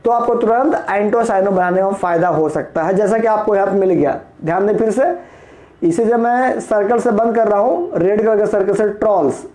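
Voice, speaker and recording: A man's voice: high-pitched, moderate pace, dark tone, roomy sound. A male teacher from Bihar giving a patient, explanatory vocabulary lesson, spelling words letter by letter and asking the class questions. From Bihar, India.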